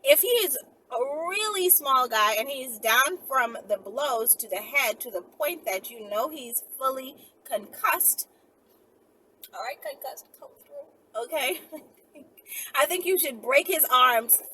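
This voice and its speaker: A video channel host chats casually and slowly to her viewers in a high voice, blunt, slangy, and animated, often wandering off on tangents as she rambles. She records outdoors near houses on a phone set in a holder, so the audio is noisy with passing cars.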